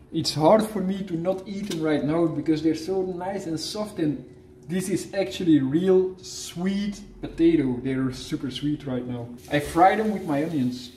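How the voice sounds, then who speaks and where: In his home kitchen, a jokey cooking vlogger whose first language is Dutch gives a laid-back demo, often breaking off and restarting phrases. His pitch is fairly high with a dark tone. A handheld camera mic on the move captures echo, sizzling, and slight background noise.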